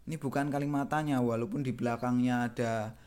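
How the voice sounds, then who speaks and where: An Indonesian-accented man explains grammar at a steady pace, with a patient and repetitive teaching manner. He circles back to each point and checks in with the learners as he goes. His pitch sits in an ordinary middle range. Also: fairly quick. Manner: patient, repeats points often with "gitu ya". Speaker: Japanese language teacher.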